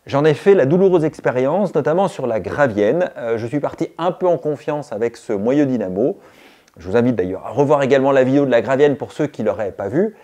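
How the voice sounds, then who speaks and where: A man's voice: medium pitch, animated, a little fast, mellow. A man hosting a cycling channel, giving a chatty gear review and explaining step by step to his viewers.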